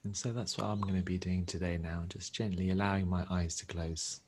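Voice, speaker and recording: Gentle and unhurried, a meditation teacher with a deep, husky voice guides listeners through a meditation, letting long pauses fall between his phrases. His intonation stays fairly even throughout.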